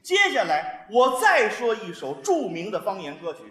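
A crosstalk performer from Beijing, performing stage comedy with lively laughter and playful dialect-singing imitations, heard in an echoey hall. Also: medium pitch, moderate pace. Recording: echoey hall with long reverb.

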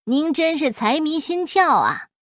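A woman's voice: high-pitched, sing-song, slow, dry recording, studio quality, heavily acted. A woman voicing a scornful shopkeeper who mocks a miser in a storybook reading. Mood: mocking. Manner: scornful, laughing. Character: mocking shopkeeper man.

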